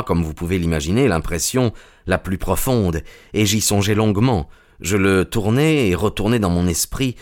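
Guy reading a story out loud, first person, lowish voice, measured and dramatic. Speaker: audiobook narrator.

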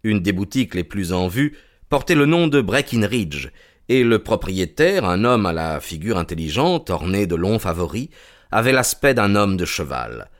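A man narrating a classic detective story as an audiobook, in a measured literary manner. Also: lowish voice, sing-song.

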